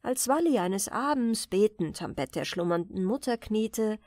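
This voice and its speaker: Woman reader, soothing bedtime fairy tale, slow and melodic. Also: medium pitch, no echo, studio quality. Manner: gentle, expressive storytelling. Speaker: audiobook reader.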